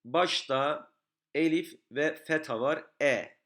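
A man's voice: on the high side, takes it slowly, a bit bright. A man teaching a beginner's Quran reading lesson, patiently explaining each rule and repeating every syllable several times.

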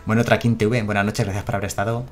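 A man's voice: fairly low pitch, flat delivery, racing, faint music behind. A man from Spain, chatting casually on a live stream and reading out chat messages.

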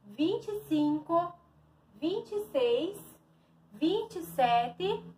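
A woman's voice: very high voice, very animated, drawn-out words, dark tone, slight background noise. A woman teacher from Brazil giving a reading lesson to young children, stretching and stressing each syllable.

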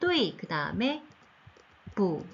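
Slow patient woman teaching language tones. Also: medium pitch, very animated, creaky, lo-fi sound, a little hiss or hum. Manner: slow, patient, drawn-out tone demonstrations. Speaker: Chinese teacher. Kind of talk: recorded online lesson for seniors.

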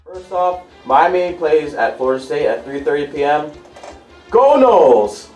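A man's voice: a little high, moderate pace, far from the mic. A playful man presenting on a sports panel and casually giving his picks. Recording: roomy echo, faint music behind.

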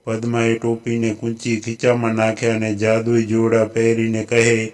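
A man with a Gujarati accent narrating a folk tale in a steady, even storytelling voice. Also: medium pitch, moderate pace.

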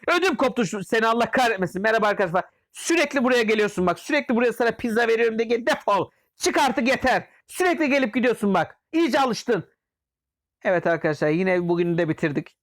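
High pitched guy doing let's play commentary, jokey mock yelling at customers, dry sound. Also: no room sound. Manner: playful, jokingly scolds and yells at game customers. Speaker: gameplay commentator.

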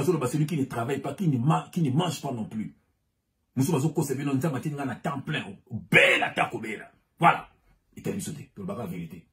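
A man's voice: a little high, a little mellow. Fiery preacher man. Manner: fiery, switches between French and Lingala, repeats phrases with rising emphasis. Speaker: pastor. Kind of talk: preaching sermon.

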